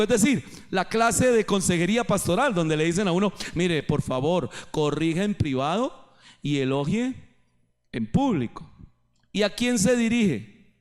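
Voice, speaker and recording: A male pastor preaching a sermon in church, rising and dropping his voice for emphasis. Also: high-pitched.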